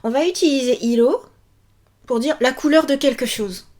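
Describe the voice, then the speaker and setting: A cheerful young woman teaching a language video lesson, repeating each word slowly and clearly. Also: high voice, a little mellow.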